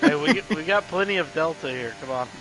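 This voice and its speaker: A young man chatting casually and laughing often with teammates while sim racing, with excited callouts. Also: on the high side, a little fast. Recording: noisy game audio behind voice chat.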